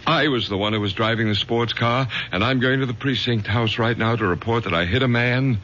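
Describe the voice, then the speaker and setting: Speaking fairly quickly in a bright mid-range voice, a man gives a lightly acted turn as a stern father and college professor who takes charge. It's 1970s-style radio drama with firm, clipped lines, captured on a dull vintage recording with a faint hum underneath.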